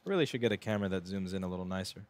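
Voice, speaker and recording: A man's voice: deep voice, rapid-fire. A man who owns a repair shop, chatting casually to a live stream while he works on a board. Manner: casual, chatty, talks to chat while working.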